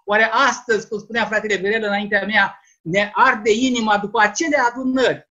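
A man with a Romanian accent gives an earnest, slow, deliberate Easter sermon over a video call. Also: high voice, steady tone, pushed and bright. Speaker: lay preacher. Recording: muffled video-call audio.

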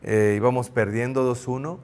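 A middle-aged man with a Mexican accent, a former goalkeeper, telling an anecdote in an interview, acting out the shouts he quotes. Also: medium pitch, fairly even intonation, moderate pace. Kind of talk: storytelling in an interview.

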